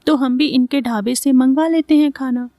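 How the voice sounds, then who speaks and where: A woman's voice: high-pitched, steady tone, normal speed, mellow, no echo, clean studio sound. A woman voicing a naive, playful young daughter-in-law with an innocent, coy manner. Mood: jealous.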